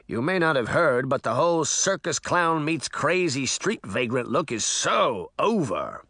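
Male reader as a showy, pompous talking mirror in a storybook, pitched up and animated. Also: measured pace, no echo, studio quality, exaggerated voice. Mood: theatrical. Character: vain, theatrical male magic mirror face.

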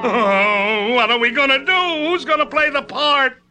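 Cartoon everyman: blustery, flustered, exasperated husband, slow pace, music under the voice. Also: very high-pitched, lively intonation. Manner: blustery, stammering when flustered. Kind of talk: cartoon comedy acting.

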